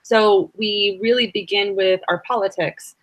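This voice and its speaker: Measured woman panelist, dry sound. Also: mid-range voice, fairly even intonation, no room sound. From United States. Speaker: panel speaker. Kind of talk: presentation over a video call.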